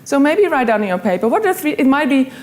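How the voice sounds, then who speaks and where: A young Dutch woman with a Dutch accent gives an earnest motivational talk to an audience, built around stories and quoting her own thoughts. Her voice sits high with big pitch swings, and she talks fast.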